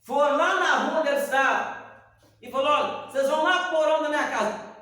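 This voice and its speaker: Talking fairly fast in a very high voice, this Sunday school teacher animatedly acts out the dialogue in the Bible stories he teaches at church. A far-off mic captures him in an echoing hall.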